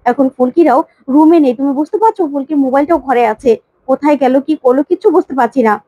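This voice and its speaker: A woman's voice: high voice, fast talker, warm tone, no echo, muffled recording, lightly acted. A woman voicing an earnest, protective young husband who explains urgently, while retelling a serial plot.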